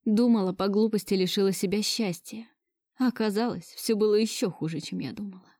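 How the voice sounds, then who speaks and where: A woman's voice: medium pitch, a little fast, dark tone, no echo, studio quality. A woman narrating a romance novel in the first person, with dramatic, emotional storytelling. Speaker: audiobook narrator.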